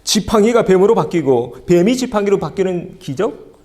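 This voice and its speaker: A male pastor preaching a sermon, reading scripture aloud slowly and leading the congregation in call and response. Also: sits high, animated, darkish tone.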